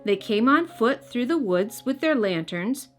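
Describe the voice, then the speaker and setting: Music runs behind this woman as she hosts and narrates a storybook for children. Her voice sits on the high side with lively intonation, and she keeps a measured pace while speaking expressively straight to her young audience.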